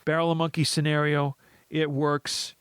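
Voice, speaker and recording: A man's voice: a little high, completely flat delivery, measured pace, a bit bright, clean tone. A man co-hosting a podcast, rambling through a casual movie recap with frequent laughs and restarts. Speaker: podcast co-host.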